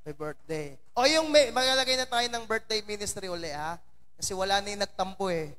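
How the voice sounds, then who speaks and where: A man with a very high voice preaches a chatty sermon, breaking off to tease people in the pews by name. His words ring out with a long echo around the church hall. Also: lively intonation, fairly quick, bright, forceful tone. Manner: chatty, teasing asides to congregation members by name. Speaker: pastor. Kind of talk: conversational sermon.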